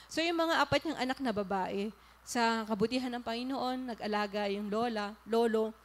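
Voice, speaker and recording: Animated woman pastor preaching, fairly high. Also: normal speed, slight background noise. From Philippines. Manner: animated, rhetorical questions to the audience, polite and earnest. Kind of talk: sermon with storytelling.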